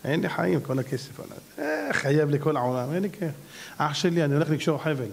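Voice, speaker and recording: A man's voice: on the high side, lively intonation, creaky, background noise, pitched below the performer's own voice. Man doing a gloomy debt-ridden man. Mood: despairing. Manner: gloomy, weary, complaining. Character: despairing indebted middle-aged man.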